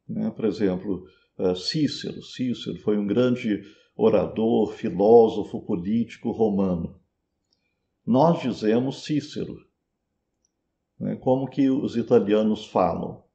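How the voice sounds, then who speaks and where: Speaking with a Brazilian Portuguese accent, this man teaches Sanskrit pronunciation in a slow, explanatory lesson, patiently saying words again and again as models. His pitch is fairly low, with a creaky, mellow quality, and the audio sounds dull.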